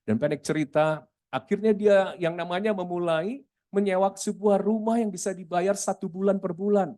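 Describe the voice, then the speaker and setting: Middle-aged male pastor, lively sermon storyteller; voice sits a little high yet sounds mellow. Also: moderate pace. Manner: lively storyteller, keeps addressing the congregation.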